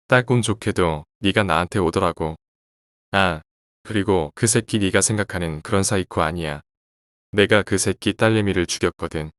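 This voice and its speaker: A man voicing a calm, polite stranger who turns out to be a cold killer, in a horror story told in a quiet, composed way. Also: low-pitched, no room sound, studio quality. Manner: quiet, composed, chillingly casual.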